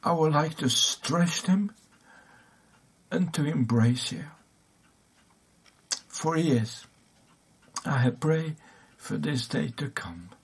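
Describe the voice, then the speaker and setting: A preacher voicing a maimed forgiving old prisoner. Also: male voice, on the high side, expressive, slow pace, long pauses, breathy edge, voice pushed up, heavily acted. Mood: tender.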